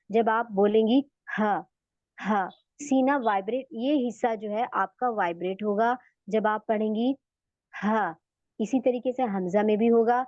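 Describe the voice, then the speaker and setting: A woman teaching an online recitation class, explaining patiently and repeating sounds slowly for students to copy. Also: a little high, dark tone, no echo, muffled recording.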